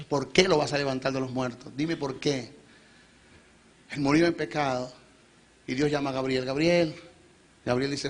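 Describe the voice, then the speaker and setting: A man with a Venezuelan Spanish accent preaching a sermon, theatrical, shifting between loud exhortation and low, quiet storytelling. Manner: theatrical, switches between shouting and low asides, acts out devil and God.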